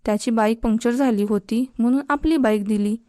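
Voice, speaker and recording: A woman's voice: on the high side, a little fast, warm tone, dry recording, studio quality, natural voice. A woman doing a stern, scolding mother. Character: scolding middle-aged mother.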